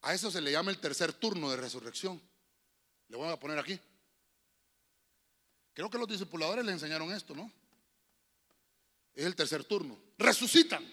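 A Honduran man preaching a sermon as pastor of a church, building to sudden shouted bursts. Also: fairly high pitch, animated, moderate pace, long pauses. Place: church sanctuary. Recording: long reverb of a church hall.

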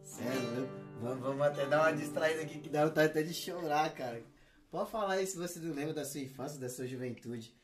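A Brazilian man hosts a podcast and jokes as he reads out viewer comments. His voice sits a little high, and a guitar plays faintly behind him. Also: a little fast. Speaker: podcast host. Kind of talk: casual podcast chat.

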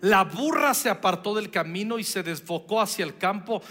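A man's voice: sits high, normal speed, sharp tone, faint music behind. A man preaching a sermon as pastor, conversational with playful asides.

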